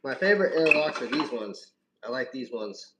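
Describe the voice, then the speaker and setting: A man's voice: medium pitch, expressive, moderate pace. A man chatting casually on a livestream in laid-back bro slang as he demonstrates his home brewing. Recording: roomy echo, distant mic, faint noise.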